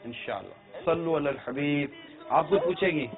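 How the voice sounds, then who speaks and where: A man gently teasing and coaxing small children in casual, affectionate talk. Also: a little high, animated. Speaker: religious scholar talking with children. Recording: tinny phone-like sound with faint music.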